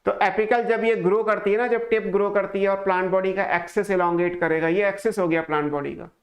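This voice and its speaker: A male teacher speaks in a high, steady voice at a brisk pace during an online lecture. He explains step by step in Hindi mixed with English phrases, asking questions and then answering them himself.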